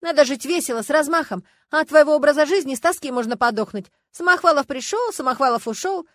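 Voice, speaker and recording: A woman voicing a brash, bossy young woman friend who talks loud and excitable. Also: high voice, a little fast, no room sound, studio quality, voice pushed up. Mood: excited, scolding.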